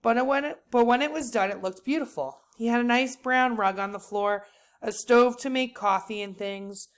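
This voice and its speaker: A woman with a somewhat high voice reads aloud from a children's book like a teacher would, narrating in an expressive, deliberate style.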